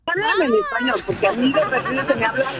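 A woman's voice: sits high, very animated, quick pace, over a noisy crowd. An older woman on a phone call, wary and blunt, talking back to a stranger with indignation. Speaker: prank call victim. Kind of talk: phone conversation.

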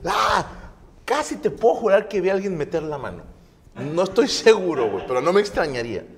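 A man's voice: high voice, very animated, brisk, long reverb tail. A young man with a Mexican accent, co-hosting a casual chat and telling slangy stories that act out the people in them. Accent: Mexican Spanish. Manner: slangy storyteller, acts out quoted voices. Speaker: podcast co-host.

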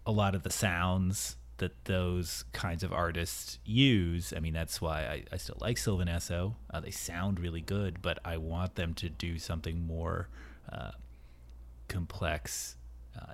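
A man's voice: sits low, steady tone, unhurried. A man hosting a music podcast in casual chat, enthusiastic and rambling with many fillers. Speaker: podcast host.

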